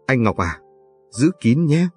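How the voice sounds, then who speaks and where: A man's voice: mid-range voice, big pitch swings, takes it slowly, breathy edge, full character voice. A man reading the part of a grief-stricken elderly mother who pleads through tears, in an audiobook narration. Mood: tearful pleading. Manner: tearful, pleading. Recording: dry, faint background music.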